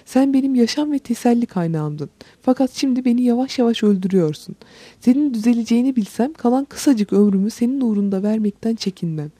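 A woman's voice: fairly high pitch, animated, a little fast, dark tone, breathy edge, dry recording. A woman doing a frail pleading old grandmother. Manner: pleading, tearful.

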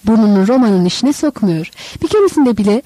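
A woman's voice: fairly high pitch, expressive, a little fast, mellow, dry recording. A woman voicing a scornful, amused Roman governor in a storybook reading. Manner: mocking, amused.

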